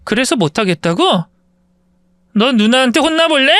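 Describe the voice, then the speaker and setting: Male narrator plays a commanding young wife, high-pitched and scolding. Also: very animated, moderate pace, fairly bright tone, no room sound, full character voice. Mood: commanding, furious.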